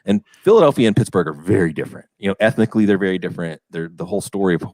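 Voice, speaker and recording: A man's voice: low voice, animated, rapid-fire, darkish tone, no echo, clean studio sound. A man from western Pennsylvania hosting a fantasy football podcast, rambling and asking questions in a casual chat. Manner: talkative, rambling, asks questions.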